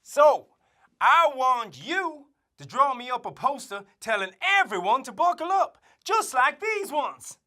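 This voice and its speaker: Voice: sits high, sing-song, unhurried, heavily acted. Someone doing a hammy cowboy sheriff mascot. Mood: hammy cheerful. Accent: put-on American cowboy drawl. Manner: hammy, showy, yelling catchphrases. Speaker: road-safety mascot addressing children. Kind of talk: scripted kids' safety promo.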